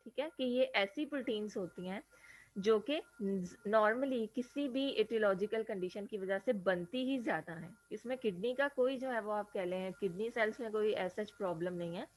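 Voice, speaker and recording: A woman's voice: medium pitch, low-quality recording. A woman lecturer explaining a diagram in a classroom lecture. She asks rhetorical questions and keeps checking in with her students. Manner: mixes English terms into Hindi explanation.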